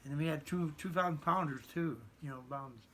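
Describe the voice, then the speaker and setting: A man's voice: a little high, fairly quick, sharp tone, slight background noise. An American man in his seventies, a veteran remembering his service in rambling, folksy conversation with stammered repeats. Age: 70s. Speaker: interviewed Navy veteran. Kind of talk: conversational reminiscence.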